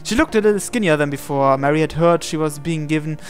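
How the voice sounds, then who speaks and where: Speaking quickly in a voice on the high side, a man gives a dramatic read-aloud of a visual novel, with asides, occasional stumbles and repeated phrases. Game music can be heard in the background.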